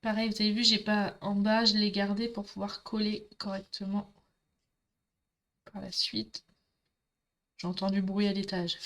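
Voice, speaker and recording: She speaks slowly with long pauses, her medium-pitched voice fairly bright yet little varied in pitch. A chatty middle-aged woman with a Marseille accent, she talks to viewers directly while demonstrating a craft live.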